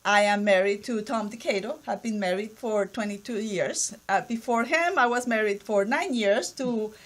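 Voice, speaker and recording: A woman's voice: medium pitch, moderate pace. A woman, telling her story cheerfully as a talk show guest. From Colombia. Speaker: guest, entrepreneur. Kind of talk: casual studio talk show chat. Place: small studio with table mics. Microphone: studio mic on boom arm.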